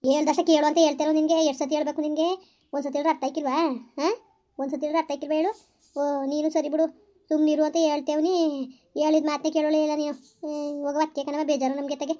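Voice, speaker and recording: A woman playing a fast-scolding village mother. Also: high-pitched, flat delivery, mellow, natural voice. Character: weary village mother, scolding yet resigned. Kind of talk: village family drama.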